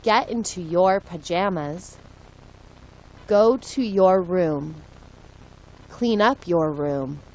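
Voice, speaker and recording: A woman reading short English phrases aloud for learners, clear and deliberate, one phrase at a time. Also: on the low side, darkish tone, poor audio. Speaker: English lesson reader. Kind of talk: slow read-aloud for learners.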